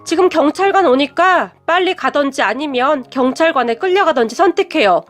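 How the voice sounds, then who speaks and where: A woman narrator voicing a calm, direct young adult daughter in an audio story. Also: sits high, moderate pace, faint music behind. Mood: firm.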